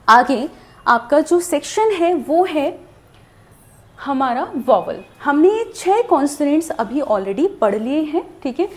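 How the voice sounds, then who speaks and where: Lively high-voiced woman teaching. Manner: patient, explanatory, repeats "theek hai". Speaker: shorthand teacher. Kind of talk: recorded lesson.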